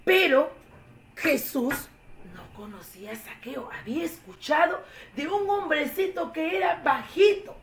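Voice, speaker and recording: Slow, high-voiced woman telling a children's story. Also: recorded from a distance, a crowd in the background. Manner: expressive, addresses children. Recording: echoey room, faint noise.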